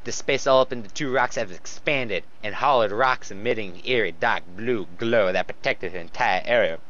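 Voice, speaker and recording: Stumbling through a piece of fan fiction, a man keeps breaking into laughter and adding sarcastic commentary for comic effect. He speaks at normal speed in a lowish, slightly bright voice, captured on a dull lo-fi home setup.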